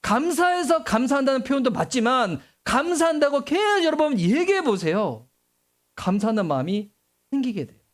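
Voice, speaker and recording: A middle-aged man preaching a sermon as pastor, animated and acting out voices and exclamations. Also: very high-pitched.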